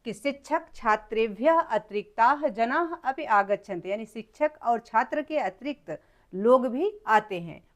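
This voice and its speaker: A woman teacher explaining a school textbook lesson patiently, repeating each word with its meaning. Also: high voice.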